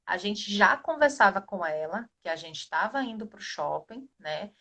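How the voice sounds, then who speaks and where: A woman in her thirties with a Brazilian Portuguese accent, hosting a live video chat in a quick, chatty way. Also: mid-range voice, expressive, vocal fry, bright, forceful tone. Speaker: live show host.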